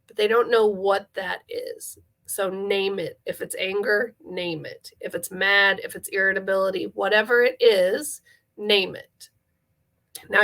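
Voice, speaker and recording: Middle-aged woman, play therapist, calm teaching tone, repeats key points, gravelly edge to her voice. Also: medium pitch. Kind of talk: instructive parenting talk to camera.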